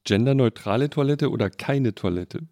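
Brisk playful male podcast host. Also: mid-range voice, warm tone, no room sound, studio quality. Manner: brisk, playful, laughs between questions. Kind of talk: quizzing a guest in a quick question game.

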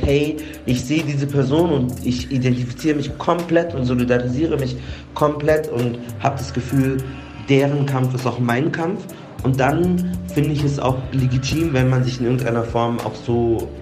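A man who is a guest podcaster, giving thoughtful, measured comments in an interview. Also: medium pitch, darkish tone.

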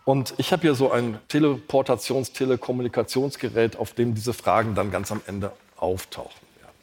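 A man from Lower Saxony co-hosting a live podcast on stage, dry and playful as he runs the show. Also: fairly even intonation, brisk, darkish tone. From Lower Saxony, Germany. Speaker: podcast co-host. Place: large concert hall before an audience. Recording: hall reverb with faint noise.

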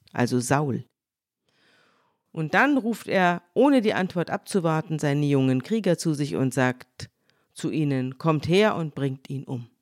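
An older woman co-hosting a podcast, retelling a Bible story in lively conversation and voicing the quoted lines in her own voice. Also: sits low, dry recording, studio quality. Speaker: podcast co-host.

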